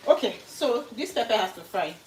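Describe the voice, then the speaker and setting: A woman's voice: a little high, expressive, fairly quick, very noisy. A woman from Nigeria, chatting casually to live viewers while she cooks in her home kitchen and greets them by name. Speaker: cooking livestream host. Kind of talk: casual live cooking stream. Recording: roomy kitchen echo.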